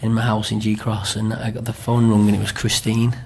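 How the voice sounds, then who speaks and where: Speaking briskly in a fairly low, slightly mellow monotone, a middle-aged man with a Greater Manchester accent is interviewed about his amateur pantomime work. He wanders as he talks and frequently checks with tag questions.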